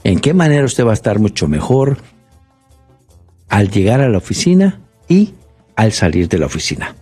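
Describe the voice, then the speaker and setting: A man's voice: lowish voice, very animated, normal speed, dark tone, husky, faint music behind. A man talking on the radio for a bank, persuasive and repetitive, with frequent fillers. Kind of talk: radio promotional talk.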